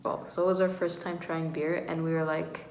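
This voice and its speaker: Young woman, travel vlogger, rambling chatty delivery, lower-pitched, echoey room. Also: flat delivery, normal speed, darkish tone. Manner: rambling storytelling full of "like". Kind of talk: casual chat. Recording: echoey room with faint noise.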